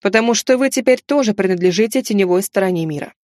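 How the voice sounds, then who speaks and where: Calm formal inquisitor guy, read by a woman, measured and a bit sad, dry close sound. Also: mid-range voice, dry recording, close to an everyday voice. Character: calm, melancholy male inquisitor overseeing the shadow world.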